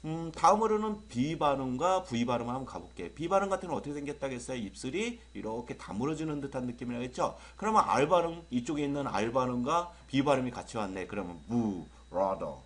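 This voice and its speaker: A man teaching pronunciation in an online lecture, repeating drill words and asking his students rhetorical questions. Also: fairly high pitch.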